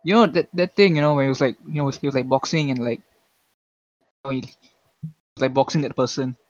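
A man's voice: medium pitch, no echo, lo-fi sound. A man in casual podcast chat who teases his friends and stumbles over repeated words. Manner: teasing, fast, stumbling repeats. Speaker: podcast co-host.

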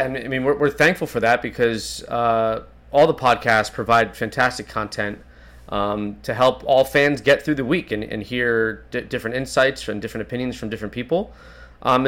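A man's voice: medium pitch, a bit bright. A man hosting a fan podcast, earnest and repeating himself as he gathers his thoughts. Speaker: podcast host. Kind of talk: casual chat.

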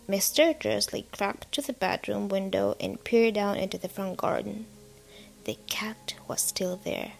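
A woman narrating a story aloud in a whispered role-play, soft and unhurried. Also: medium pitch, gravelly. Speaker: audiobook narrator.

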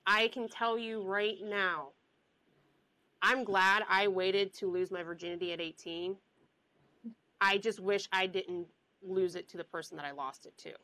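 A woman's voice: medium pitch, fairly even intonation, unhurried, pushed and bright, no echo, low-quality recording. A young woman hosting a casual podcast chat, giving frank advice and sometimes losing her train of thought. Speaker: podcast host.

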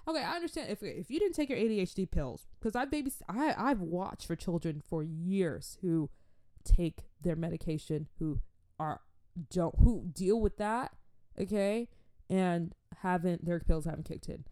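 A woman in her twenties casually telling a babysitting story, animated, with slangy asides and frequent laughter. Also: lowish voice, normal speed. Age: 20s. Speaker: vlogger.

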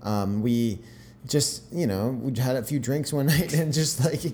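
A young man co-hosting a podcast in a relaxed, rambling way, often restarting his sentences. His voice is dark and mellow. A faint hiss sits under the recording. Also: medium pitch, a little slow. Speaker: podcast co-host. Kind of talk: casual chat.

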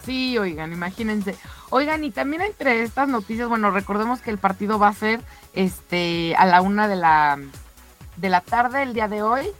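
A female radio co-host with a Mexican accent delivers sports news conversationally, chatting and speaking directly to her co-hosts. Her medium-pitched voice is expressive at normal speed, with faint music running under it.

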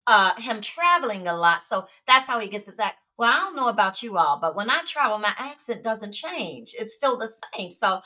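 Animated woman from Chicago telling a story. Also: mid-range voice, moderate pace, few pauses. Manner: animated storytelling, calls listeners honey and baby. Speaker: podcast co-host. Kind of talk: casual chat.

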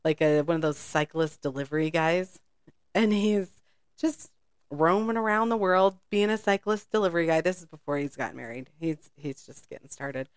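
A woman's voice: low voice, animated, normal speed, smooth, dry recording, clean studio sound. A woman co-hosting a podcast, telling a spy story in a rambling, casual way and laughing often. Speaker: podcast co-host.

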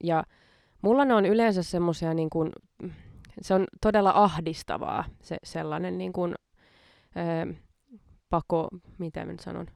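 A woman's voice: on the low side, fairly even intonation, creaky, darkish tone, no echo, studio quality. A woman hosting a podcast in casual chat, self-mocking and laughing often between her words. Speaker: podcast host.

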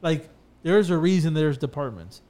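With a moderate pace and a voice just a little high, a bathtub refinishing business owner chats on a podcast. He's an animated storyteller whose talk is full of fillers and do-overs.

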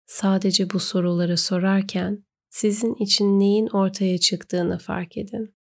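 A woman narrating a guided meditation, giving gentle, unhurried instructions with pauses. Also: medium pitch, flat delivery, vocal fry.

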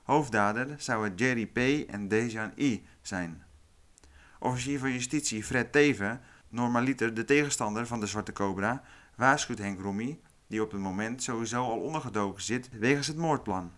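Guy narrating a true crime podcast, calm and measured, mid pitch. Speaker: podcast host.

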